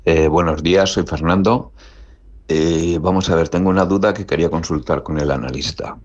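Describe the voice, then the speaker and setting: A man's voice: deep voice, steady tone, moderate pace, darkish tone. A man leaving a recorded voice message for a radio show, asking a question politely with a few hesitant fillers. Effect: recorded voice message played on air. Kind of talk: scripted voice note question. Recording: dull lo-fi voice note.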